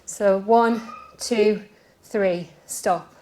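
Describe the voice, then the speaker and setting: A woman coaching a workout, out of breath as she exercises along. She talks in a chatty, self-deprecating way at a middling pitch. Faint background noise sits under her voice. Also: fairly even intonation, drawn-out words, a little mellow, rough recording. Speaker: fitness coach. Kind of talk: workout instruction. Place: outdoors.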